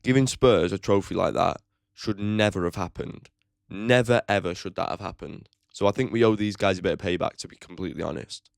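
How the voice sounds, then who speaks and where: Brisk and low-pitched with vocal fry, this man runs his own football fan channel and offers a blunt, opinionated match preview with casual cursing. His chatty delivery is full of "like" fillers, recorded at studio quality without echo.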